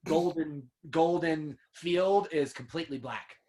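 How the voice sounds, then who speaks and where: A man's voice: fairly high pitch, unhurried, a little mellow. A man telling hunting stories as an interview guest, earnest and emotional, often saying "man" and "dude". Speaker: podcast guest, upland hunter and dog kennel owner. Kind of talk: casual storytelling interview.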